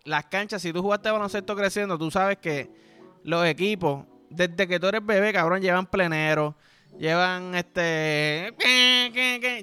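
High-voiced Puerto Rican man. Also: smooth. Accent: Puerto Rican Spanish. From Puerto Rico. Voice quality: profane, animated storytelling with sound effects. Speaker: podcast host. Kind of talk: crude comedic monologue.

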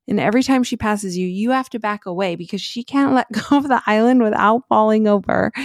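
Woman, thirties, podcast host, animated storytelling, dry close sound. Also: medium pitch, no room sound. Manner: animated, laughs through the story. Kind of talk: personal storytelling.

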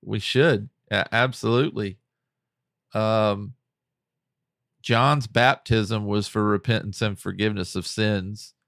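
Smooth-voiced man in casual faith chat. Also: lowish voice, fairly even intonation, slow pace, a bit bright, no echo, studio quality. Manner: laid-back, reads scripture aloud with fillers. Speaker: podcast co-host.

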